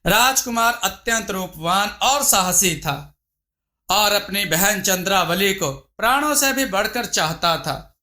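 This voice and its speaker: A man narrates a scripted Hindi moral folk tale in the role of a storyteller, his high-pitched voice expressive, slow, bright and forceful.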